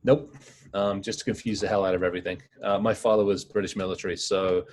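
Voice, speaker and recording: A middle-aged man, a guest in a casual interview, talking in quick, rambling stories. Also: low voice, flat delivery, a little mellow, a little hiss or hum. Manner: fast, rambling storytelling.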